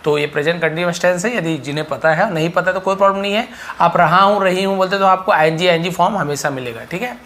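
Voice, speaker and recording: Male teacher, spoken English lesson; slow, clear drilled example phrases, brisk explanations in between. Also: sits high, a bit bright. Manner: says example sentences slowly and clearly, explains quickly.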